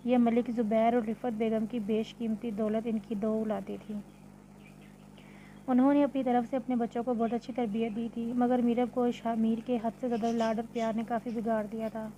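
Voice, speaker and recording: A woman narrating a novel in a steady, measured storytelling manner. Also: a little high, muffled recording, a little hiss or hum. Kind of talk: novel reading.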